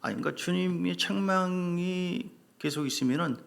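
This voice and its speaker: Gravelly, higher-voiced pastor preaching. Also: male voice, normal speed. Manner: emphatic, repeats key words, asks rhetorical questions. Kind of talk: sermon.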